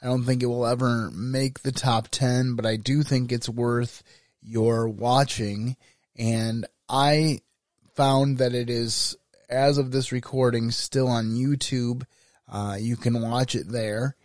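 A man hosts an informal review in a measured, deliberate way. His voice sits at a middle pitch and is recorded very dry. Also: fairly even intonation, darkish tone, no echo. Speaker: host. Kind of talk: informal scripted-feeling review commentary.

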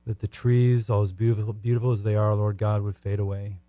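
Here the same kind of American podcast guest speaks in a fairly low, warm monotone, giving sincere, devout testimony and prayer. He stumbles through halting phrases and repeats words, and the recording is dry.

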